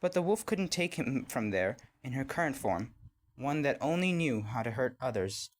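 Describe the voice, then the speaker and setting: At a moderate pace and medium pitch, a male storyteller performs a scripted fairy tale with expressive, storybook-style reading.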